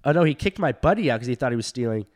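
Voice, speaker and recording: A man who does stand-up telling a long story in casual chat, full of fillers, swearing and animated quoted voices. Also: mid-range voice, racing. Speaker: stand-up comedian.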